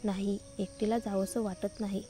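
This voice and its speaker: A woman's voice: medium pitch, level tone, normal speed, warm tone, natural voice. A woman doing a chatty spoiled young woman.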